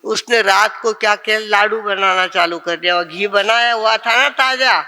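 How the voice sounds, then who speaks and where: A woman's voice: medium pitch, moderate pace, long reverb tail. A woman, a Jain nun, telling a story in a sermon, acting out the characters' lines. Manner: lively storyteller who acts out the characters' lines. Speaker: Jain nun giving a discourse.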